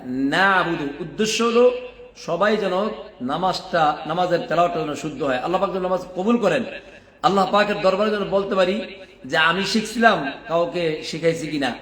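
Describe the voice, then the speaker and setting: A man teaching correct Quran recitation, repeating syllables slowly and chanting verses between quick explanations. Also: high voice, a bit bright, reverberant. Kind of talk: recitation lesson with chanted examples.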